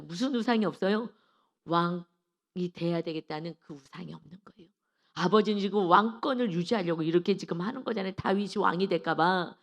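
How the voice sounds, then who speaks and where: A woman pastor giving an early-morning Bible study sermon, emphatic and repetitive, often asking rhetorical questions. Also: mid-range voice.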